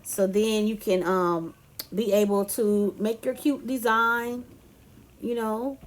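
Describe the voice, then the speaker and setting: A woman's voice: medium pitch, steady tone, takes it slowly. A woman from California giving a casual cooking tutorial, chatty and loose, addressing viewers as "y'all" and "you guys". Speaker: cooking vlogger.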